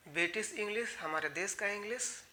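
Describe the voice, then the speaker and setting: A man's voice: high-pitched, a little fast, bright, forceful tone, slight background noise. A man from India teaching English grammar in an online class, explaining patiently and talking straight to his students, often repeating key words.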